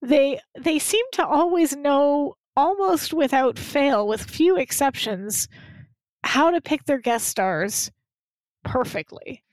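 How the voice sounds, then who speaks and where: High-voiced woman chatting, laughing often. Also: lively intonation, takes it slowly, no echo. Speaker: podcast co-host. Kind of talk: casual chat.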